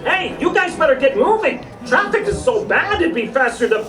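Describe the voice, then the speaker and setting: A man's voice: very high-pitched, sing-song, normal speed. A man voicing a hapless, apologetic bear puppet comedian in a theme park show. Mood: sheepish. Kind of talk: theme park attraction character performance. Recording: echoey, distant, music behind.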